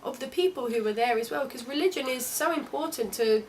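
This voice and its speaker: A woman's voice: high-pitched, fairly quick, a little hiss or hum. Chatty young woman. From London. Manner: chatty and candid, with frequent restarts. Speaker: travel vlogger. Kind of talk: casual travel vlog narration.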